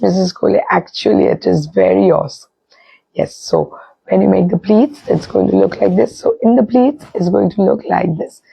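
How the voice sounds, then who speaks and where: A woman with an Indian Bengali accent hosting a live sari showcase, her voice hoarse and strained from a bad sore throat, often breaking toward a breathy whisper. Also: mid-range voice, mellow, dry recording, rough recording. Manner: repetitive, with frequent "okay" check-ins. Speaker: live sari sales host. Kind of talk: live shopping presentation, casual product showcase.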